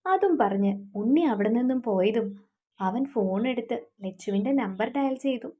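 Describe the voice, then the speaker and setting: A woman narrating a short story in a calm, measured reading voice. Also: on the high side. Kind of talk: scripted narration.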